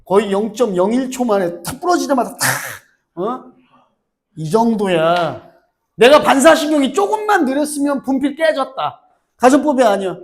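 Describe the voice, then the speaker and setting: A middle-aged man teaching English grammar to a high school class, joking and teasing students by name as he lectures. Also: moderate pace. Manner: teasing, animated, banters with students.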